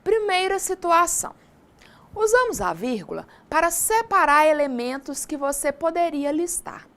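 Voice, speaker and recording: A woman's voice: sits high, moderate pace. A woman teacher from Brazil with a Brazilian Portuguese accent, giving a recorded distance-learning lesson and often asking her students questions. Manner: lively, addresses students directly with questions.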